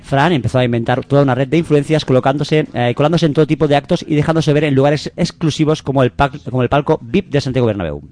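A man co-hosting a comedy radio show, reading out a news story with quick, sardonic, deadpan asides. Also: medium pitch.

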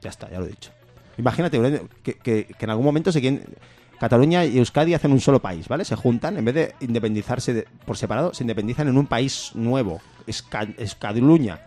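A man's voice: medium pitch, animated, quick pace, warm tone, faint music behind. A man chatting casually and jokingly on a podcast, rambling through a comic argument. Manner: rambling, jokey, breaks into laughter. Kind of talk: casual comedic chat.

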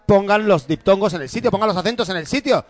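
A man's voice: sits high, quick pace. A man co-hosting a comedy chat, ironic and mock-serious. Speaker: co-host.

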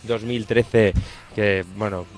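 Low-voiced radio co-host. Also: male voice, fairly even intonation. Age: 30s. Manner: halting, promotional. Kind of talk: comedic radio chat.

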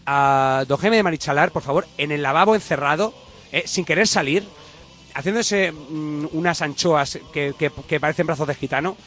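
A man's voice: fairly high pitch, normal speed, fairly bright tone, faint music behind. A man co-hosting a comedy show, gossipy, campy and theatrical. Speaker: co-host. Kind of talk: comedic radio banter.

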